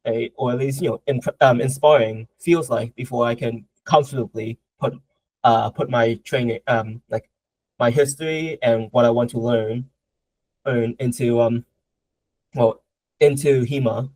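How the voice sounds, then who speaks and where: A man's voice: medium pitch, fairly even intonation, unhurried, darkish tone, no echo, low-quality recording. A young man from Southern Vietnam, answering interview questions casually, with a lot of hesitation, fillers and restarts. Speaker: guest martial artist.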